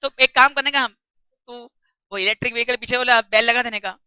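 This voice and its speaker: A woman tutor giving a classroom lecture, reading English text slowly and explaining it in chatty while quizzing her students. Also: a little high, pushed and bright, smooth, no room sound, faint music behind. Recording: dull lo-fi recording.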